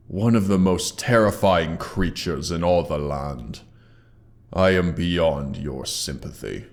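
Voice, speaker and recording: Proud and indignant, a wounded male dragon who guards his hoard speaks through a man's very deep, gravelly voice, altered by a monster-voice effect. The scripted roleplay monologue is delivered in an exaggerated way, slow and deliberate, with haughty menace and archaic language.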